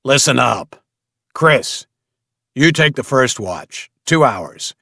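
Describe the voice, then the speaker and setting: A man's voice: medium pitch, lively intonation, slow pace, vocal fry, pushed and bright, no room sound, studio quality, pitched above the performer's own voice, exaggerated voice. A man voicing a domineering male slaver leader who barks orders at his crew. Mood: commanding. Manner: barking orders.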